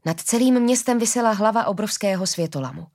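Expressive woman reading a fantasy audiobook. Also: mid-range voice. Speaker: narrator. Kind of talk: audiobook narration.

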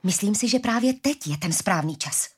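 A woman's voice: medium pitch, expressive, breathy edge. Woman doing a tense, wary young heroine. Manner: clipped, through gritted teeth.

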